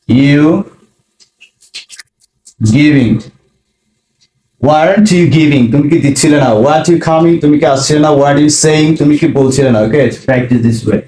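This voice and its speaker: A man from Bangladesh teaching a spoken English lesson, slowly drilling phrases. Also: a little high, dark tone. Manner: slow, repeats drill phrases. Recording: echoey room.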